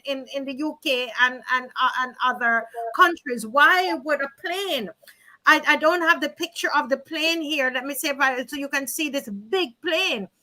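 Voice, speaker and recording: A woman's voice: high-pitched, pushed and bright. A woman hosting an online panel discussion, asking rhetorical questions and addressing her listeners directly. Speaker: host.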